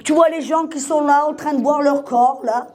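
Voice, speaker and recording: A woman preacher telling a testimony in a sermon, dramatic, dropping to a hush and rising to shouts. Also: sits high, steady tone, moderate pace. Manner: dramatic storytelling, swings from hushed to shouting.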